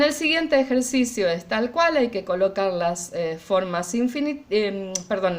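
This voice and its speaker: A woman teaching German grammar, slowing down to spell out each German example sentence and checking in with a quick "¿ya?". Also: fairly high pitch. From Argentina. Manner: checks understanding with a frequent "¿ya?". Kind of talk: explaining grammar exercises in a recorded class.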